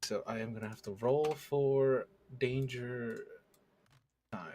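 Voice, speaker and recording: A man's voice: mid-range voice, takes it slowly, darkish tone. A man playing in a tabletop game, chatting casually and hesitantly, with plenty of fillers. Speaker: player.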